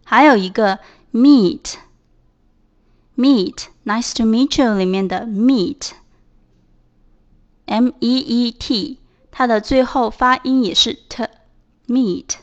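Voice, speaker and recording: A woman narrating a beginners' English lesson at an unhurried pace. Her voice sits a little high. She spells words out letter by letter and explains each point with care. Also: muffled recording. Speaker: English teacher.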